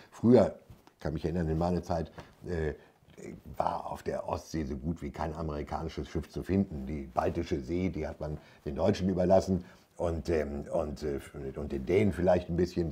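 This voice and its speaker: Deep, husky older man, mellow timbre. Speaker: military commentator, guest. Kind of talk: studio political discussion. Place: indoor studio set.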